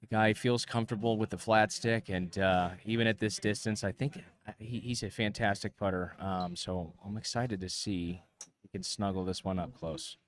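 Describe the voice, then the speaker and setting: A man giving play-by-play golf commentary in a measured broadcast manner, full of course jargon. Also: fairly low pitch, fairly even intonation.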